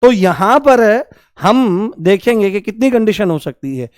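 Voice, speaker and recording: Young guy teaching grammar, high clear voice, dry close sound, keeps quizzing the class and drawing out answers. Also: very animated, a little mellow, no echo. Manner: repeats key answers in a drawn-out, sing-song way; quizzes the class with rhetorical questions. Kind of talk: classroom lecture.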